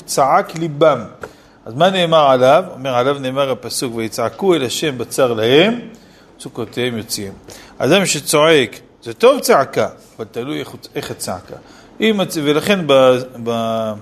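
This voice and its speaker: A man's voice: medium pitch, slightly rough. A man, a city rabbi, giving a Torah lesson and firing off rhetorical questions with scolding asides. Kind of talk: Torah lesson on Selichot laws.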